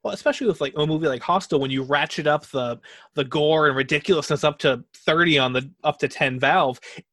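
A man interviewing an author in a casual conversation, asking questions with quick, joking asides. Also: fairly high pitch, pushed and bright, dry recording.

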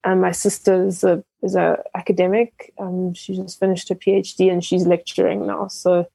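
A woman's voice: fairly low pitch, little pitch movement, normal speed, gravelly, mellow, breathy edge, no echo. A young adult woman from Ghana, a business founder, talking reflectively in an interview with many fillers and restarts. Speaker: entrepreneur guest. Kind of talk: interview conversation.

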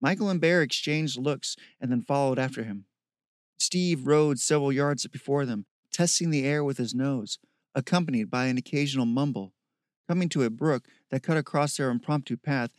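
Man, audiobook narrator, steady measured reading, mid pitch, dry recording. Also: no echo.

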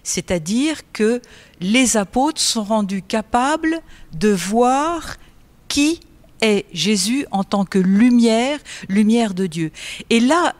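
Soft-spoken French woman explaining. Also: fairly high pitch, animated, slow pace. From France. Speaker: guest author, nun and theology teacher. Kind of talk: interview conversation. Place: book fair stage.

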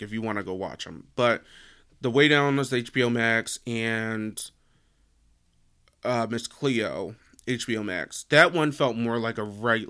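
Young American man, solo podcast host, meandering filler-heavy chat, smooth voice, dry close sound. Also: medium pitch, a bit bright, dry recording. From United States. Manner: rambling, heavy use of "like" fillers.

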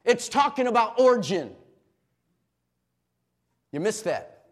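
High-voiced man preaching a sermon. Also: sing-song, takes it slowly. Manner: call-and-response preaching, rising to shouts. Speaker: pastor. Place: church sanctuary.

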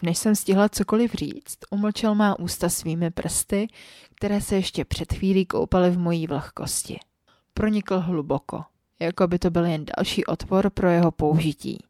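Soft-spoken woman narrating a story. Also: lowish voice, dry recording, studio quality. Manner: soft, intimate, often near a whisper. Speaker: podcast host and story narrator. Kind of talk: scripted audiobook-style story narration.

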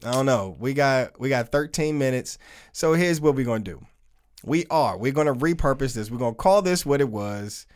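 A man's voice: medium pitch, animated, moderate pace, smooth. Easygoing guy cohosting a podcast, middle voice, talks loose and chill, swears a bit. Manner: loose, laid-back and chatty, with casual swearing. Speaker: podcast co-host. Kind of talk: casual chat. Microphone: podcast mic, streamed live.

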